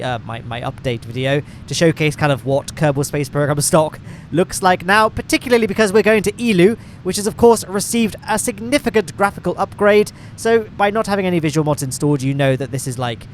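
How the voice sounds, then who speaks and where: A gaming channel host from England, congested from hay fever, rambles through casual gameplay commentary full of fillers and self-deprecating asides. His fairly high voice sounds nasal and stuffed up, with a little hiss or hum in the recording.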